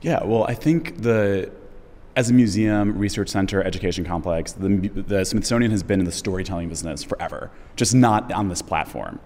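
Enthusiastic low-voiced man chatting. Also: a little fast, darkish tone, long reverb tail, slight background noise. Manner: enthusiastic, rambling, lots of likes. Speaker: podcast host and guest. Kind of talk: casual interview chat.

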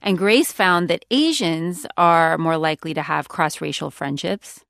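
A woman's voice: low voice, a little slow, vocal fry, fairly bright tone, no room sound, clean studio sound. An American woman co-hosting a podcast, moving between playful, casual chat and conversational presenting. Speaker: podcast co-host.

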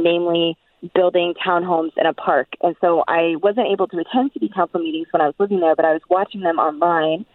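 A woman's voice: on the low side, dry recording, recorded from a distance. Chatty woman caller on a phone line. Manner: chatty, animated, many fillers. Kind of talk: call-in radio talk. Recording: tinny phone line from afar.

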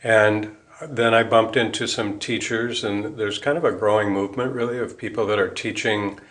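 An American man, an interview guest who is both a musician and a Buddhist priest, answers questions reflectively and informally, thinking aloud and rephrasing as he explains ideas. His voice sits fairly low with a steady, fairly bright tone, and he speaks at a moderate pace.

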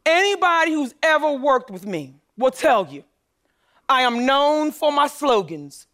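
A woman who is a school principal from Philadelphia, giving a deliberate stage talk. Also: sits high, big pitch swings, a bit bright. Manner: slow, deliberate delivery.

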